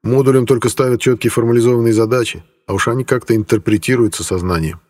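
A man narrating an audiobook in an even storytelling manner. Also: mid-range voice, quick pace, long reverb tail.

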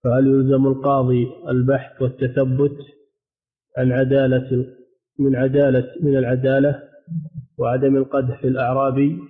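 A man's voice: medium pitch, moderate pace. A man formally reading texts and putting questions to a teacher, in a deferential way. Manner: flat, formal, deferential address. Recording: tinny phone-like line.

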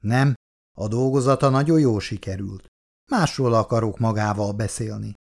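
A man's voice: on the low side, vocal fry, a little mellow. A man reading aloud as a formal, probing schoolteacher.

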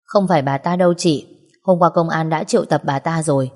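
A woman voicing a polite young male bodyguard who calms a frightened woman, in a storybook reading with long hall reverb. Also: low voice, fairly quick. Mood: reassuring. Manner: polite, calming.

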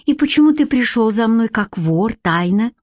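A woman's voice: a little high, lively intonation, normal speed, a little mellow, no echo. A woman reading the part of a proud, fiery young captive who answers her master with indignant outbursts. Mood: defiant.

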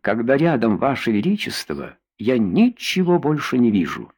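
A man voicing a charming young nobleman in an audiobook, speaking glibly and with flattery. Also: medium pitch, normal speed, breathy edge. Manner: glib and flattering.

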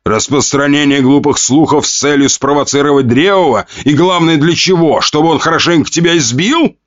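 A man's voice: a little high, fairly quick, no echo, dull audio, pitched above the performer's own voice, close to an everyday voice. A man voicing a powerful duke who harshly scolds his son with scorn and mockery. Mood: mocking.

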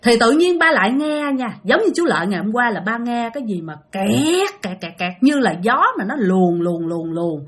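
A woman's voice: a little high, animated, a little fast, hardly any pauses, a bit bright, husky. A woman telling a ghost story in a chatty, casual way, speaking straight to her listeners. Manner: chatty, addresses listeners directly.

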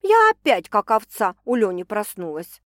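A woman's voice: medium pitch, wildly swooping pitch, moderate pace, no room sound. A woman voicing a blunt, crude, indignant young woman among friends, in a dry recording. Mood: brash. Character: brash, sharp-tongued young woman who drinks.

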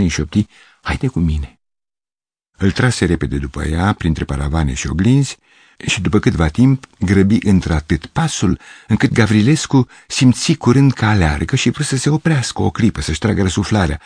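Deep, husky male narrator. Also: dry recording, studio quality. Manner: measured, expressive storytelling. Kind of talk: literary reading.

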